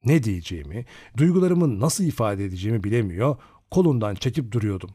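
A man narrating a novel as an audiobook, with expressive storytelling. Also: fairly low pitch, fairly quick, breathy edge, no echo, clean studio sound.

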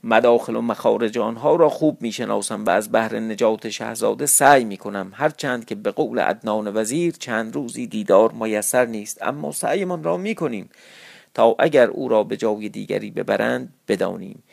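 A man's voice: fairly low pitch, creaky. A man reading a resourceful storybook trickster hero. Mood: resolute. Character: bold male trickster hero, resourceful and steady.

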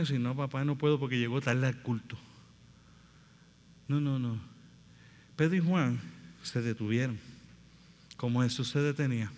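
High, bright-voiced preacher in a reverberant hall. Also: male voice. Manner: impassioned preaching, acting out biblical dialogue. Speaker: pastor. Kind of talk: sermon.

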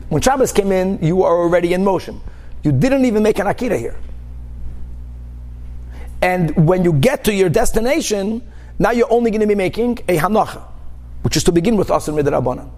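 A man with a high-pitched voice teaches a religious class as a rabbi. He reads from a text and explains it informally, using examples, repetition and rhetorical questions to make each point. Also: darkish tone. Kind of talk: religious text lesson, reading aloud and explaining.

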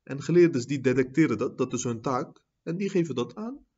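Man, religious teacher, lecture, husky voice, Arabic phrases, loud emphatic peaks, muffled recording. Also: animated, fairly quick. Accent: Dutch. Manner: rises to loud, high-pitched emphasis when making a point; peppers speech with Arabic phrases and repeated "zie je?". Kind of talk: lecture on a classical book.

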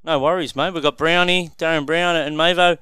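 A man's voice: a little high, steady tone, a little fast, sharp tone, clear, resonant tone, no echo, clean studio sound. An Australian man hosting a casual sports radio interview in a matey, colloquial way. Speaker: radio show host. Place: radio studio.

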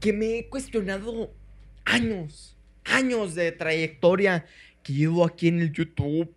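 A Mexican man co-hosting a comedy podcast with a fairly high voice. He teases his partner crudely and swears freely in relaxed banter. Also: a little slow. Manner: crude, teasing, swears a lot. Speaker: podcast co-host.

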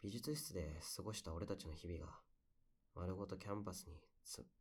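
In a bedside audio drama, a male voice actor plays a low-voiced young man recalling his memories. The delivery is wistful and soft-spoken, intimate, as if meant for one close listener.

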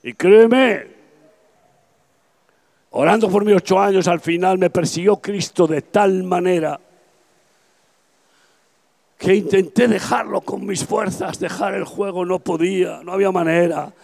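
A man in his seventies with a Spanish accent from Spain, preaching an impassioned open-air evangelistic sermon that swings between soft confiding and shouting. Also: sits high, steady tone, normal speed, vocal fry. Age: 70s. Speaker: pastor. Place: outdoors at a campaign event.

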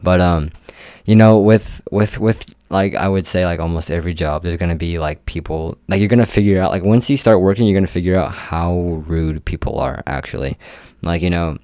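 A man's voice: sits low, a little fast, mellow, no room sound, studio quality. A young man telling a work story in a casual, rambling way, full of "like" fillers. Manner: rambling, heavy use of "like" fillers. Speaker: amusement park game attendant.

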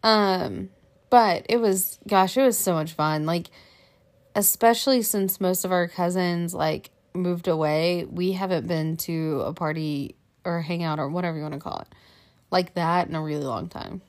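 A woman's voice: on the low side, steady tone, normal speed. A woman co-hosting a casual podcast chat with her husband, chatty, laughing often, full of fillers. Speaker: podcast co-host.

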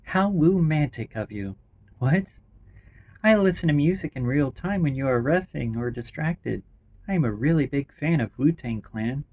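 A man's voice: on the high side, expressive, normal speed, a little mellow, pitched above the performer's own voice. A man doing a sarcastic female-voiced AI companion. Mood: dry. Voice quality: dry, sarcastic. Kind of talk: amateur story reading.

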